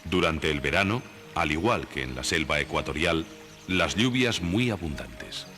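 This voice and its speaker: A man reading scripted nature documentary narration in a measured, didactic way. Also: a bass voice, big pitch swings, bright, forceful tone. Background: background music.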